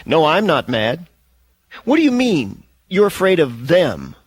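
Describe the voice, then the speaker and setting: A man voicing a brash, smooth-talking male radio talk host who banters on the air. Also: a little high, huge pitch swings, dry recording, voice pushed up, heavily acted. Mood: coaxing. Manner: upbeat on-air banter, quick to charm.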